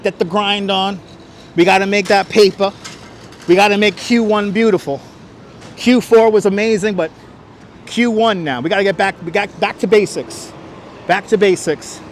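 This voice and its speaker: A man's voice: high-pitched, a little hiss or hum. A man hosting a live walking stream outdoors on a city street. He talks casually on a clip-on wireless mic, chuckles often and chats with viewers. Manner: chatty, reads chat aloud, chuckles often. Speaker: livestream host.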